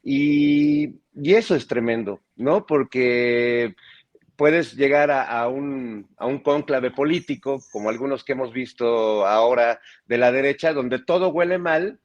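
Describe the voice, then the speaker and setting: A man's voice: medium pitch, measured pace, dull audio. A man, a guest on a political panel, talking through extended metaphors and stopping to restart his words. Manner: reflective, talks in metaphors, many restarts.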